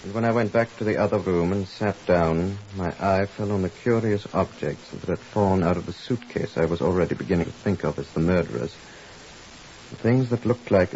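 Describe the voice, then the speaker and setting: A man with a deep, warm voice plays a gruff, commanding Scotland Yard superintendent, curt, impatient, and authoritative. The 1950s radio drama mixes acting with first-person narration, and the recording is muffled and hissy.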